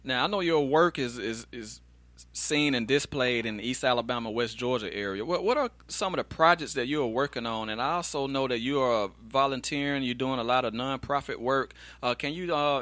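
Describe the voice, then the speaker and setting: Male show host, bright forceful voice, halting questions with repeated words. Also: mid-range voice, dry recording. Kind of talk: interviewing a guest.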